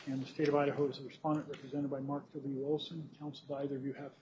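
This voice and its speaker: A man's voice: mid-range voice, level tone, racing. A man speaks as a presiding judge, making formal courtroom announcements. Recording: dull, noisy courtroom recording.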